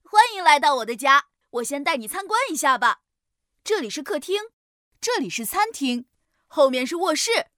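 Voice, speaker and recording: A woman's voice: high voice, expressive, moderate pace, pushed and bright, no room sound, studio quality. A woman voicing a kind, modest young beaver in a children's audio story, speaking in a friendly, patient way. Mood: proud.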